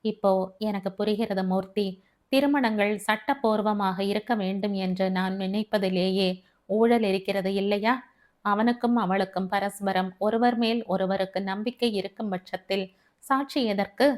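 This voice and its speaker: A woman's voice: mid-range voice, darkish tone, lightly acted. Frank, composed divorced woman, as read aloud. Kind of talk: audiobook dialogue reading.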